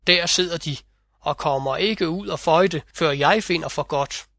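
A man's voice: on the high side, creaky, fairly bright tone, dry recording, studio quality. A man voicing a stern, threatening old female spirit, mother of the winds, in a fairy-tale reading.

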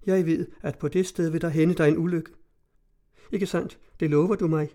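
A man reading aloud puts on a fragile young woman, lost in confusion, who clings and pleads in a soft, trembling, raised voice. Her words come hushed and anxious, the tone mellow and dark underneath. It plays like a storybook heroine caught in grief. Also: fairly high pitch, fairly even intonation, close to an everyday voice. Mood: anxious pleading. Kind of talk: audiobook reading.

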